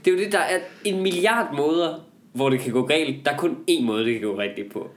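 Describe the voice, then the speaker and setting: A young man in casual comic chat, rambling with animated, exasperated exaggeration. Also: a little high, slight background noise.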